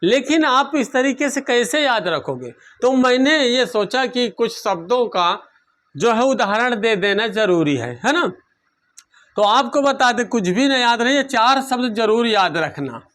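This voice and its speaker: A man's voice: extremely high pitch, lively intonation, a little slow, a bit bright. A man teaching a grammar lesson, asking questions and answering them himself, repeating key terms.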